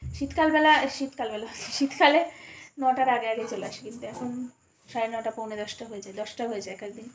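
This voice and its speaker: A woman's voice: a little high, fairly even intonation, fast. A young woman, talking casually through her evening at home in a vlog, her throat a little scratchy. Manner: chatty, rambling and self-correcting. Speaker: vlogger.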